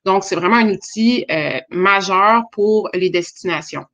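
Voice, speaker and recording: A woman with a Quebec French accent giving an informal pitch as a start-up presenter. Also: unhurried, a bit bright, dull audio. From Quebec, Canada.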